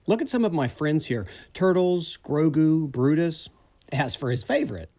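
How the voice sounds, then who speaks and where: A man's voice: on the high side, animated, normal speed, dark tone. A man playing Wicket, a chatty wooden teddy bear. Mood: playful. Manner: jokey, teasing, theatrical asides. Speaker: TV news reporter. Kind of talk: first-person narrated news feature.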